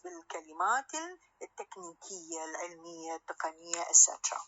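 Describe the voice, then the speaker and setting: Bright-voiced Iraqi woman teaching phonetics. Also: medium pitch, highs cut off. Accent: Iraqi Arabic. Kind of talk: recorded lecture mixing Arabic and English.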